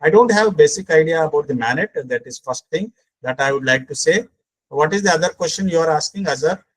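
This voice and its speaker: A man's voice: fairly high pitch, lively intonation, fairly quick, low-quality recording. A man with an Indian accent explaining as a lecturer in an online session, emphatic and repetitive, often addressing the listener as sir. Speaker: speaker at a faculty training session. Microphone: online call microphone.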